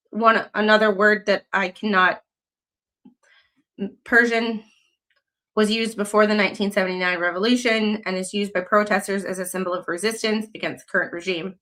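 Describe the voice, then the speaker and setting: Reading news excerpts aloud during her casual livestream, a young adult woman from the US rambles with lots of fillers and restarts. She has a bright, forceful, mid-range voice, but the audio quality is poor.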